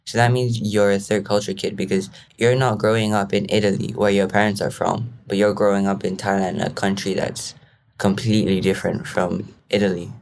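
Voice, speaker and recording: Teenage boy, from Malaysia, podcast host, fairly low voice, rambling, casual jokes. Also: little pitch movement, a little fast, creaky, darkish tone. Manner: rambling, jokey, informal.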